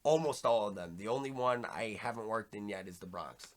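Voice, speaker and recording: A young man with a New York accent hosting a podcast, talking fast and full of slang in a casual chat. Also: lowish voice. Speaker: podcast host.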